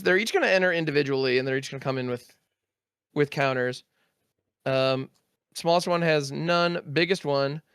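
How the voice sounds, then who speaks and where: Smooth, methodical card-game man. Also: medium pitch, a bit bright, no echo, studio quality. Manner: methodical, counts aloud, sound-effect interjections. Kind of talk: casual play-by-play of his own turn.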